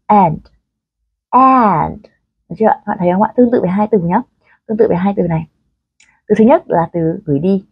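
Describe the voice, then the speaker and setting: A Vietnamese woman teaching pronunciation, explaining patiently, sounding words out slowly and asking her learners questions. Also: medium pitch, gravelly, breathy edge, dry recording, phone-quality sound. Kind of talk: pronunciation lesson.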